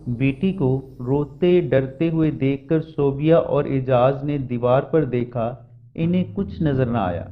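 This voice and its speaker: A man narrating a scripted horror story in a steady storytelling manner. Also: medium pitch, narrow, tinny audio. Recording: music bed under voice.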